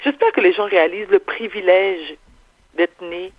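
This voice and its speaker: Heard over a muffled, low-fidelity phone or remote connection, this woman speaks at a moderate pace in a lowish voice, with no room sound. She's a radio columnist with a Quebec French accent, talking casually yet firmly and repeating phrases for emphasis.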